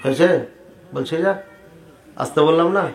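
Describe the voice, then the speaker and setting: A man preaching to a crowd, animated and rhetorical, asking the audience questions directly. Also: on the high side, moderate pace. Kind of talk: sermon debating prayer practice. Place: large hall with audience. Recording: echoey hall sound.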